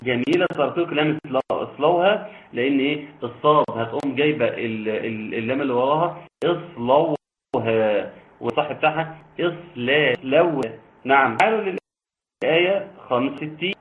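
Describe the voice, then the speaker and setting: Man teaching Quran recitation over a tinny line. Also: medium pitch. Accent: Egyptian Arabic. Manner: explains quickly, then recites slowly in a chanting voice. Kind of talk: online tajweed lesson with students. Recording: tinny phone-like line, faint noise.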